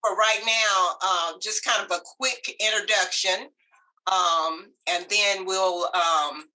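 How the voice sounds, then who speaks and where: Woman host, crisp bright voice, upbeat and chatty, video call mic. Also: mid-range voice, fairly even intonation, takes it slowly, rough recording. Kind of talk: casual video-call hosting.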